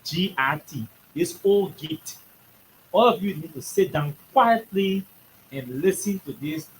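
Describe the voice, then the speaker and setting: A man's voice: fairly high pitch, slight background noise, low-quality recording. A man from Liberia with a Liberian English accent, hosting a radio show and mocking a played interview in sarcastic commentary. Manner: mocking, scolding, talks back at the clip.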